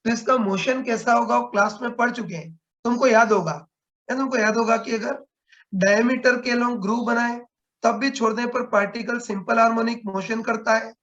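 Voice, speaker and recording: A man's voice: sits high, fairly bright tone, lo-fi sound. A man teaching a physics class online, explaining step by step and checking in with students often. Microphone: video call.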